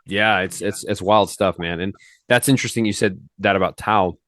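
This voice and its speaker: Male podcast host, lower voice, casual rambling delivery, dry close sound. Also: normal speed, fairly bright tone, dry recording. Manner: loose, rambling, slangy, with many restarts.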